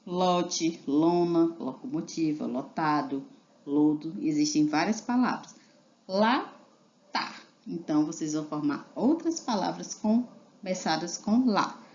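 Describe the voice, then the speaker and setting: Female teacher, low voice, unhurried patient delivery spelling syllables for kids; dull lo-fi recording. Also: expressive, a little mellow. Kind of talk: reading a children's literacy lesson aloud.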